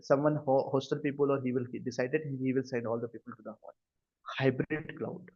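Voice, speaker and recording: Speaking at a medium pitch in a steady, darkish tone, this man talks fast as he teaches cloud computing live online. He has an Indian accent and frequently tests comprehension with quick questions over the video call, which comes through as dull, lo-fi audio.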